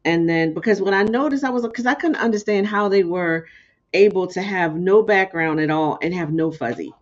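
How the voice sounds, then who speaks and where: Rambling woman on a muffled call. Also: on the low side. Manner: rambling, restarts sentences often. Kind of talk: casual chat on a video call.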